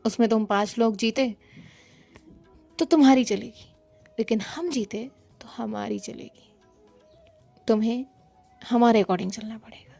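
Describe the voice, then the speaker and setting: A woman's voice: a little high, unhurried, gravelly, long pauses, mellow, faint music behind. A woman voicing a taunting young female rival student who issues a challenge. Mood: challenging.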